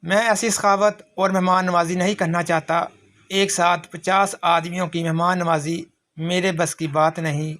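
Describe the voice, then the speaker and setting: Man narrating a moral story, higher voice. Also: fairly bright tone.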